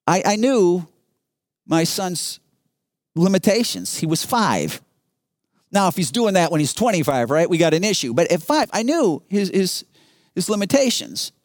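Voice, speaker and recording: A man's voice: sits high, big pitch swings, unhurried, long pauses, no echo. A man preaching a sermon, emphatic and storytelling, often repeating his phrases. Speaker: pastor.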